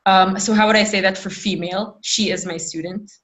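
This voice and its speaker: A woman teaching a Hebrew lesson over a video call, patient and encouraging, repeating phrases slowly for her students. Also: mid-range voice, fairly even intonation, fairly bright tone. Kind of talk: online language lesson.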